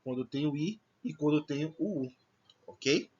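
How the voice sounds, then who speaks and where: A man's voice: fairly high pitch, expressive, measured pace, darkish tone, husky, highs cut off. A male teacher giving a recorded lesson, explaining patiently and checking in with frequent questions to the class. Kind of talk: recorded online Portuguese lesson.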